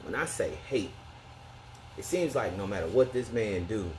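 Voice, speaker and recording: A man's voice: fairly low pitch, lively intonation, normal speed, darkish tone, a little hiss or hum, low-quality recording. An American man talking in a slangy, emphatic, conversational way, as in a casual opinionated sports rant.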